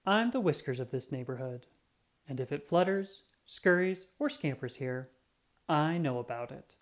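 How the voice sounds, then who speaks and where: This picture-book reading casts the narrator as a cat detective full of self-importance. A mid-range voice moves at a moderate pace, dramatic and expressive, acting out the sound effects.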